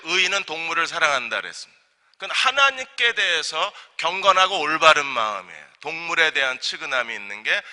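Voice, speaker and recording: A male senior pastor preaching a sermon at a midweek service, animated and firing rhetorical questions at the congregation. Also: sits high. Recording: long church hall reverb.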